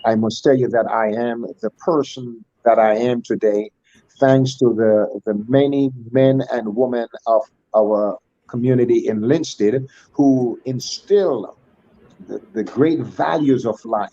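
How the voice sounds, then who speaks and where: A man in his sixties, a school alumnus appearing as a guest on a formal online panel, speaks in a warm, unhurried mid-range voice. His phrasing is ornate and churchly, with many fillers and restarts, and the recording is dry and dull.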